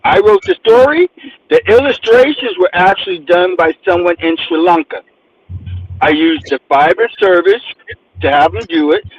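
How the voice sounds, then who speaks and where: Animated and emphatic, a New Jersey man appearing as a guest author tells stories in an interview and acts out the things people say to him. His voice sits high with a breathy edge, he speaks at a normal speed, and the audio is dull.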